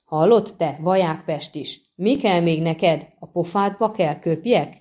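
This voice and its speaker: A swaggering young thug hurls insults and challenges in a raised, jeering voice, as a woman narrator puts him on. The tone sits low and dark, pushed louder at the threats. It is an audiobook scene. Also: close to an everyday voice. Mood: taunting, shouting. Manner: taunting, shouting, spitting insults. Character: brash young male thug picking a fight.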